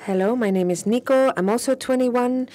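A woman with a voice on the high side interprets a panel discussion live. She stays steady but halts slightly, restarting as she keeps up with each speaker.

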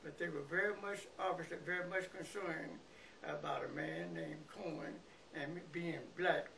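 Very old man, Southern US accent, creaky yet bright aged voice, halting interviewee recorded a bit far from the mic. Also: fairly high pitch, steady tone. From Mississippi, United States. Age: very old, about 100. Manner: halting, repeats words and pauses. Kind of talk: reminiscing in an interview. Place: living room by a window, indoors. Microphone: camera a few feet away. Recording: noisy, distant room camera recording.

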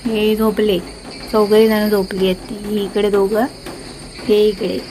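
A woman's voice: mid-range voice, level tone, unhurried, low-quality recording. A woman with a Marathi accent narrating a casual home pet vlog on her phone, chatting to viewers and scolding and coaxing her dog. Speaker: pet vlogger.

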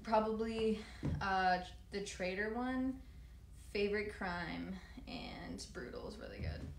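Hosting a relaxed livestream, a twenty-something woman responds to comments with plenty of swearing and easygoing chatter. Her mid-range voice is expressive and slow, with vocal fry. Recorded on a phone at arm's length in a big plain room, the audio is reverberant with some background noise.

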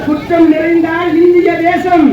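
A man's voice blares through a megaphone somewhere down the street, very high and strained as he shouts slogan after slogan in a flat, slow, repetitive chant. The sound is distant, booming and lo-fi, and a loud crowd and traffic noise press in around him. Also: heavy reverb. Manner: shouted call-and-response chanting. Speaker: rally slogan leader. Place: outdoor street march.

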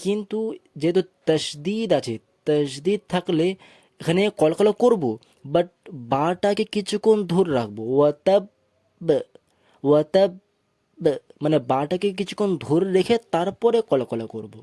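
A man teaching Quran reading, slowly spelling out syllables and chanting short recited phrases in a patient classroom manner. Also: sits high, expressive, mellow, no room sound, studio quality. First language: Bengali. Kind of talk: tajweed lesson, spelling out and reciting verses.

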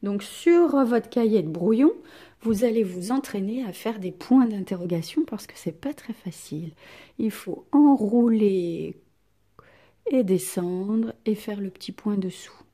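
Woman teacher, recorded lesson for young kids. Slow, mellow, with exaggerated intonation. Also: medium pitch, lively intonation. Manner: asks pupils questions and leaves pauses for answers. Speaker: primary school teacher.

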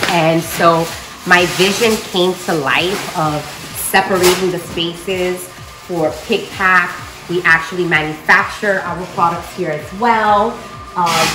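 The echoey warehouse recording captures a middle-aged business owner leading a lively, casual walking tour of the large indoor warehouse and open office as she presents on her feet. Her lowish voice is recorded from a distance, away from the mic.

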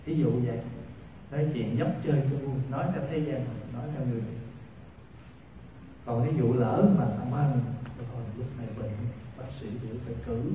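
A man's voice: medium pitch, warm tone, slight background noise. A man in his forties with a Southern Vietnamese accent, a Buddhist monk giving a Dharma talk and playfully acting out little everyday dialogues. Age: 40s. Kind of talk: Dharma talk with questions and answers. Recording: echoey hall, voice far from mic.

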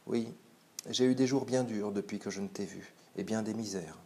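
A man reading aloud the lines of a proud, worn-down poor Parisian woman in a classic short story, in a quiet, plain voice. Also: on the low side, normal speed, natural voice. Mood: confessing.

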